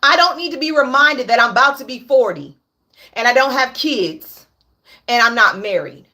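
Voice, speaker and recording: Animated and sharp-toned, this high-pitched woman talks at a normal speed on her candid livestream. She's in her late thirties, blunt and profane, and circles back to her points again and again.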